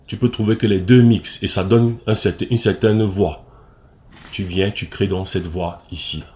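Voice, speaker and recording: A man's voice: lowish voice, steady tone, normal speed, darkish tone. A man with a Cameroonian French accent, an acting coach explaining step by step, with fillers and restarts and frequent "ok?" checks. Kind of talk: screen-recorded tutorial.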